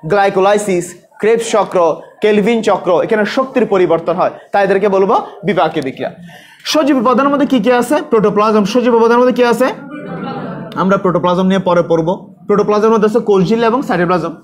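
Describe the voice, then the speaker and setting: Male teacher with a high voice and a Bangladeshi Bengali accent, running a drill-style exam-prep class. He asks question after question. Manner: asks students questions and answers them himself, drilling; repeats terms slowly for students to pronounce.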